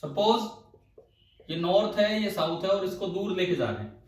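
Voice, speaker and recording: A man's voice: high voice, expressive, measured pace, distant mic. Man, teacher, classroom lecture, questioning, echoey room. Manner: questioning, explains step by step. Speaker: physics teacher.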